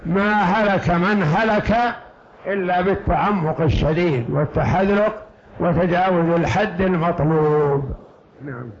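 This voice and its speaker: A man, a sheikh, giving slow, emphatic lecture commentary on a text that was read aloud, repeating key phrases. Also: high-pitched. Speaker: sheikh teaching a creed text. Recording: dull lo-fi lecture recording.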